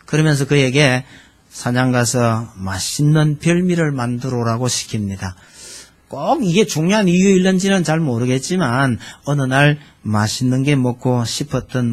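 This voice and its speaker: A man preaching a sermon as pastor, talking conversationally and putting questions to the congregation. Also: mid-range voice. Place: church sanctuary.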